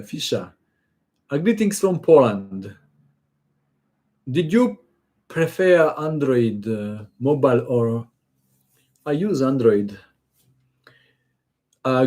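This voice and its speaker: A man's voice: medium pitch, a little mellow. A man hosting a chess channel, chatting casually and jokingly as he reads out and answers viewer questions on a live stream.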